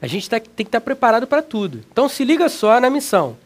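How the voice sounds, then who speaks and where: A man with a Brazilian Portuguese accent teaching an energetic exam-prep video lesson, slangy and emphatic, talking straight to the student. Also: extremely high pitch, fast.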